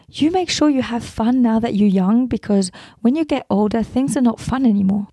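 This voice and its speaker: A woman hosting a motivational podcast alone, talking earnestly from a script, her voice roughened by a recent cold. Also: a little high, mellow, dry recording, clean studio sound. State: recovering from a cold, voice affected. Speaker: podcast host. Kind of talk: scripted solo podcast monologue.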